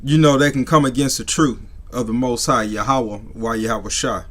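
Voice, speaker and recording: A man's voice: mid-range voice, steady tone, moderate pace, fairly bright tone. A man commenting like a debunking podcaster, emphatic and dismissive, with preacherly assertions and frequent checking tag questions. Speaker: religious debunking video host.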